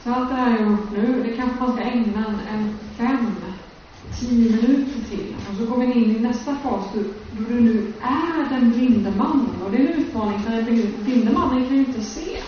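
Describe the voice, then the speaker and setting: A woman leads a guided Bible meditation, talking slowly and reflectively and asking her listeners many open questions. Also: a little high, dark tone, slight background noise. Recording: echoey room, distant mic, dull sound.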